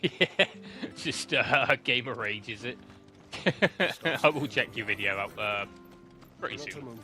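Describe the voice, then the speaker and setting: Wyluzowany streamer gier, mówi bardzo wolno, jasny, napięty głos. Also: male voice, mid-range voice, expressive, slow pace, pushed and bright, soft background music. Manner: laid-back, joking, chatty. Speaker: game streamer. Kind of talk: live gameplay commentary.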